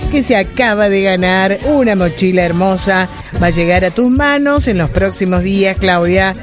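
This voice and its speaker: An Argentine woman hosts a late-night radio show with a chatty, reassuring manner. Her voice sits at a medium pitch. Faint music plays behind her. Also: normal speed. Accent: Argentine Spanish. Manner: chatty, warm-hearted and reassuring with listeners. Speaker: radio host.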